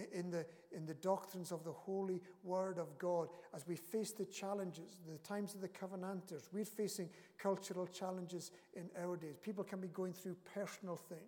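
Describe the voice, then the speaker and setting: A man's voice: high-pitched, steady tone, normal speed, few pauses, mellow. A man preaching a sermon as pastor of his church, earnest and emphatic, his intensity rising and falling. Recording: long reverb of a church hall.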